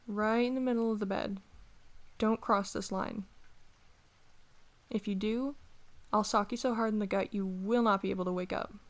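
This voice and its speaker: A woman playing a prickly, bossy young female rival who grudgingly cares, in an ASMR role-play audio drama, grumbling and conversational with a creaky voice. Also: medium pitch, fairly even intonation, moderate pace, pauses often, natural voice. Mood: reluctant, grumbling.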